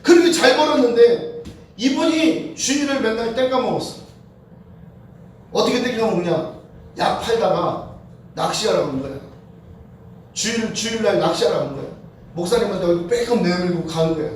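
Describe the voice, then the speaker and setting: A woman preaching a sermon, moving between fervent shouted prayer and quiet storytelling. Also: medium pitch, animated, normal speed, long pauses, a little hiss or hum. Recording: echoey hall heard from a distance.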